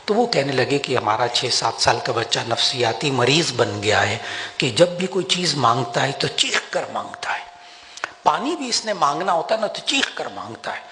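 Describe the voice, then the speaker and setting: An older man giving a sermon to an audience, animated and emphatic, slowing down for prayers. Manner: animated, rises in pitch for emphasis, slows for Quranic prayers. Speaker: religious scholar giving a talk. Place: large hall with an audience. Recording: long hall reverb, faint background noise.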